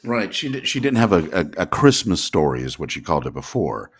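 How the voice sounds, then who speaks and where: A man's voice: sits low, sing-song, brisk, breathy edge. A man giving casual movie commentary, sharing detailed film trivia with friends.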